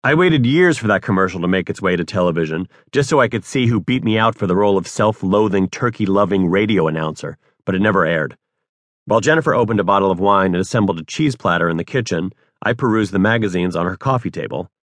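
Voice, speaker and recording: A man reading his own memoir aloud with wry, deadpan humor. His low voice moves through a lively, animated range of pitch. The sound is close and dry. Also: quick pace, dry recording. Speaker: author narrating his memoir. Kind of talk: audiobook memoir narration.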